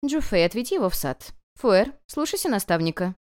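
A woman's voice: mid-range voice, big pitch swings, brisk, darkish tone, natural voice. A woman voicing a stern noble aunt in an audiobook. She speaks in cold, clipped commands.

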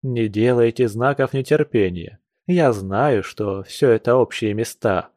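A man's voice: mid-range voice, a little slow, darkish tone, dry recording, studio quality, lightly acted. A man reading a classic novel aloud, voicing a passionate, earnest young nobleman with urgent, lecturing speech. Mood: fervent.

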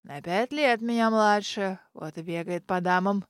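A woman reading an audiobook, voicing a grumpy, teasing old village man who mumbles slowly and wryly. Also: mid-range voice, animated, no room sound, studio quality, natural voice. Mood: grumbling, wry. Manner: mumbling, slow and wry. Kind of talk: audiobook character voice.

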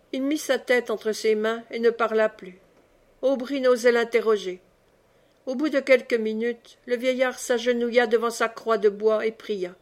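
A woman reading a classic novel aloud in measured, expressive narration. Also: fairly high pitch. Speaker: audiobook reader. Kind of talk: scripted narration.

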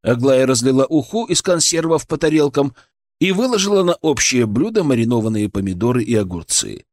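Male audiobook narrator, expressive delivery with a lively melody, dry close sound. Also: mid-range voice, brisk, no echo. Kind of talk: scripted narration.

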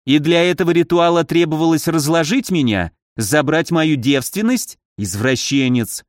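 A man's voice: on the high side, moderate pace, dry recording, studio quality, natural voice. A man voicing a naive, indignant young granddaughter in an audiobook. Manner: indignant, surprised.

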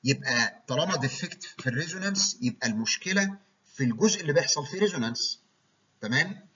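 Fast-talking Egyptian man lecturing. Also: on the high side, lively intonation, fairly bright tone, breathy edge. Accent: Egyptian Arabic. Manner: explanatory, checks in with listeners. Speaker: medical lecturer. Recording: dull lo-fi recording.

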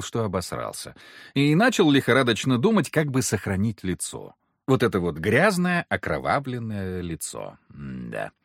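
A man's voice: medium pitch, no echo, clean studio sound. A man reading a first-person adventure audiobook in a wry, sardonic storytelling manner. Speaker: audiobook narrator.

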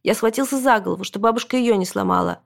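A woman's voice: medium pitch, fast, vocal fry. Woman reading a children's storybook. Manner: lively, expressive reading of a boy's first-person story. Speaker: audiobook reader. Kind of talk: storybook narration.

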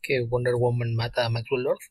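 Male podcast co-host, slightly husky, quick chatty delivery, dry sound. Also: medium pitch, flat delivery, no room sound. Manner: quick, chatty, filled with small restarts. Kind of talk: casual chat.

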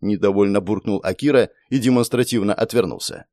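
A man narrating a fantasy story in a steady, expressive reading. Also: fairly low pitch, brisk, dry recording, clean studio sound. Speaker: audiobook narrator. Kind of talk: scripted fiction narration.

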